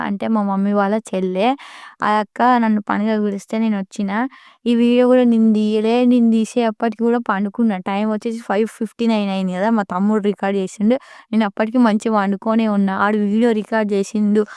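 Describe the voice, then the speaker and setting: A young woman with a Telangana Telugu accent talks slowly and sorrowfully in a personal vlog. Her voice is clear and stays on a flat, even pitch. The sound is dry and close to the mic. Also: no echo. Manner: slow, sorrowful storytelling. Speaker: vlogger. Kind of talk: casual personal vlog talk.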